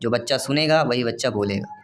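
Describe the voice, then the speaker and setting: Male exam coach, mid-pitched, reads questions slowly and explains them plainly to his students. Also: a little hiss or hum. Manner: addresses viewers warmly as dear friends and fellow teachers. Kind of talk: online exam-prep lesson.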